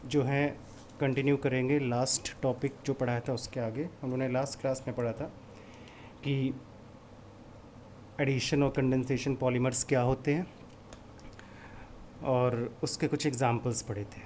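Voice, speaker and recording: A man's voice: mid-range voice, little pitch movement, normal speed, pauses often, darkish tone, slight background noise. A male chemistry teacher lecturing a class. He goes step by step, puts questions to the class and answers them himself, and mixes English terms into his speech.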